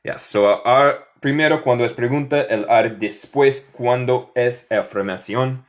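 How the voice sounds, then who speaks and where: An American man with a Northern US accent, a native English speaker, teaching English in Spanish with slow, drawn-out model phrases in a live online lesson. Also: medium pitch. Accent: Northern US (Michigan). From United States. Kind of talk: live online lesson, reading chat questions.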